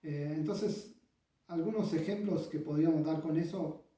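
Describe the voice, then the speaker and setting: Man, music teacher, very dark mellow voice, slightly high pitch, pauses and fillers, sings rhythms, echoey room, distant from the mic. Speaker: bandoneon teacher. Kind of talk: instructional explanation.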